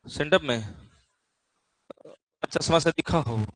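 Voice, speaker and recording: A man's voice: a little high, takes it slowly, a bit bright, no room sound. A middle-aged man with a Bihari accent teaching an exam-prep physics class in a folksy way, often checking in with his students. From Bihar, India.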